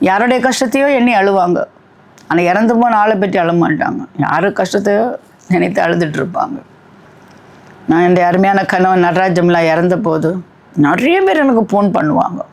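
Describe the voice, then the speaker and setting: A woman's voice: medium pitch, a little mellow. A middle-aged woman preaching a sermon with fervent, emphatic peaks, slipping in short English phrases.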